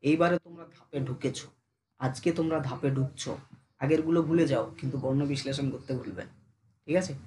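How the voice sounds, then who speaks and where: A teacher runs a casual online class in a warm, medium-pitched voice, speaking familiarly to students and constantly checking whether they follow. She slows down to sound out syllables one at a time. There is slight background noise.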